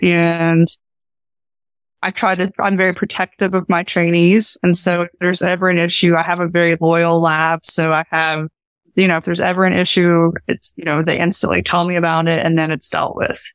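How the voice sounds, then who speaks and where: A young woman from Appalachia, a professor and research scientist, answers a podcast's interview questions in an earnest, informal way with her Appalachian accent. Her voice is fairly low, her delivery flat and her pace moderate, with a clean tone and no room sound.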